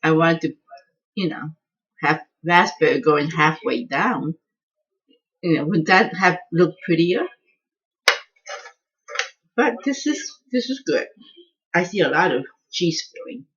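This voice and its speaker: A woman's voice: sits low, a little slow, a bit bright. A woman home cook in a casual cooking video, chatting as she tastes and often restarting her words. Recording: dull lo-fi sound.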